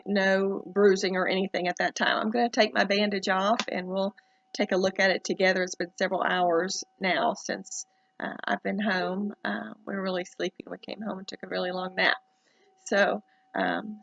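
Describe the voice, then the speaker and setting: A woman giving a casual first-person update to camera in a hesitant, halting way with many pauses. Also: medium pitch, vocal fry, muffled recording. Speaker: vlogger documenting recovery from eyelid surgery.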